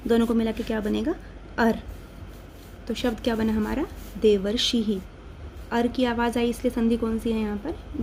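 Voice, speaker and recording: A woman's voice: on the high side, a little mellow, slight background noise. An Indian woman teaching grammar, patiently asking and answering her own questions step by step. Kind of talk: classroom-style explanation.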